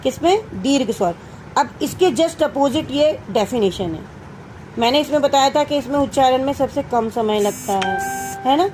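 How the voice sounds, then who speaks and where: Young female teacher, high pitch, patient question-and-answer style with children, faint background noise. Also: expressive, moderate pace. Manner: asks students questions and answers them herself; addresses students as "beta". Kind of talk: Hindi grammar lesson for children.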